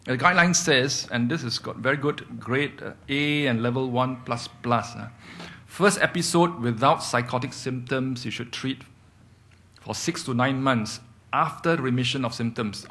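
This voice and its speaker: A middle-aged man gives a clinical lecture to fellow doctors at a mid-range pitch. He explains step by step, poses his own questions and answers them, and keeps checking in with his listeners. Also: fairly bright tone. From Singapore. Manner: explanatory, repeats key points with rhetorical questions and "okay?".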